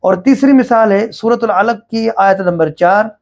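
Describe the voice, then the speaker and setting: A middle-aged man teaching Quran recitation rules, explaining each point slowly and step by step. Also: high-pitched, a little mellow. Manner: slow, deliberate, explaining step by step. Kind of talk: religious lesson on recitation rules.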